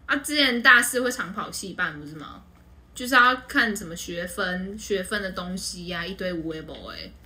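A woman's voice: fairly low pitch, moderate pace, bright, forceful tone. A young woman with a Taiwanese accent hosting a casual group chat, with noise in the background. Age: young adult. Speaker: podcast host.

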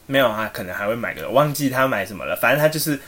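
A man's voice: mid-range voice, rapid-fire. A man, co-hosting a podcast and telling a rambling story with lots of fillers. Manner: animated, rambling, many fillers. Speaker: podcast co-host. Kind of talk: casual storytelling.

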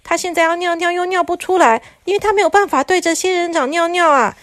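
A woman's voice: very high-pitched, fast, fairly bright tone, no echo, pitched above the performer's own voice. Brief: pushy storybook president, fretful and demanding, voiced by a woman. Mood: impatient. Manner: impatient, pushy. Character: impatient fretting president.

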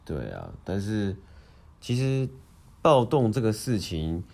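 A man with a low, deep voice speaks. He co-hosts a casual news discussion. He talks haltingly, restating phrases and dropping in English words. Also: sing-song, creaky, darkish tone. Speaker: podcast co-host.

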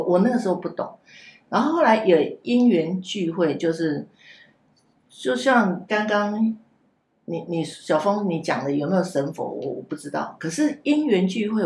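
Woman, low voice, halting repetitions, echoey room, faint hiss. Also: expressive, gravelly, a little mellow. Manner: halting, repeats words while recounting. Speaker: guest telling a personal story. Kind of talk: casual podcast chat. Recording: roomy echo, faint background hiss.

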